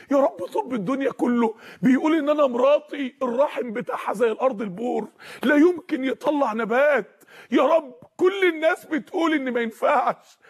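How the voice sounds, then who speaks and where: A man's voice: extremely high pitch, husky, exaggerated voice. A man voicing an aged male prophet who pleads with God for a son, speaking with an Egyptian Arabic accent and tearful, repeated cries.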